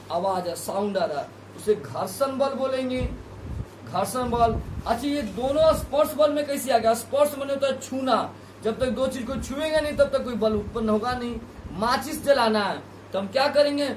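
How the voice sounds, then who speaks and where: Guy teaching physics to a class, keeps repeating stuff and asking questions, high voice, sounds kinda far off. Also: slight background noise. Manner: repeats key terms, asks students questions. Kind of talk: classroom lesson. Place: classroom with students. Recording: echoey room, voice from a distance.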